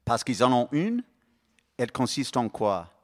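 A man's voice: mid-range voice, sing-song, a little slow. A man voicing a sardonic older father who mocks with sarcastic questions. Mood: mocking. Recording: reverberant hall.

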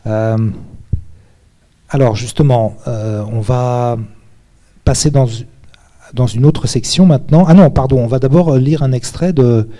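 A man's voice: medium pitch, a little slow, pauses often, dark tone. A man hosting a literary discussion, courteous and a bit hesitant as he moves to the next section. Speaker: host.

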